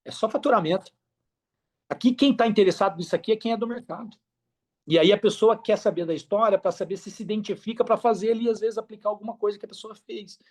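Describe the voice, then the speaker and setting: A high-pitched man speaks at a quick pace: a Brazilian affiliate marketer sharing his story on a podcast. The interview is casual, and he talks expansively, uses slang and repeats things for emphasis.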